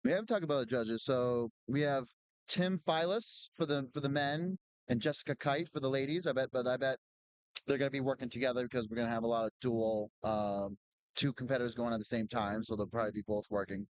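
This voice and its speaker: Man, live sport commentary, chatty and knowledgeable, smooth clear voice, dry close sound. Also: medium pitch, fairly quick, no room sound, poor audio. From Boston area. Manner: chatty, knowledgeable, many restarts.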